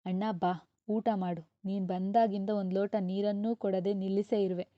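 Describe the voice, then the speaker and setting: A woman voicing a young married woman, a devoted sister who speaks softly and pleads like a child with her brother. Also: medium pitch, flat delivery, moderate pace, dry recording, close to an everyday voice. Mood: tearful. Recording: dull, slightly lo-fi dry sound.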